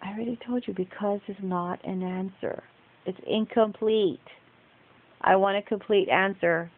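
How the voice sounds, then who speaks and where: A woman's voice: mid-range voice, fairly even intonation, normal speed. A woman on a home phone video firmly and patiently questioning a child. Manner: firm, patient, repeatedly questioning. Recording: tinny lo-fi phone recording with hiss.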